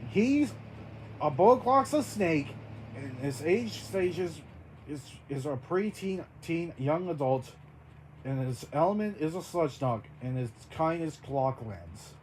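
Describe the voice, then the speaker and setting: An amateur storyteller improvising a story, halting often, restarting lines and spelling out names. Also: medium pitch, animated, darkish tone, a little hiss or hum, poor audio.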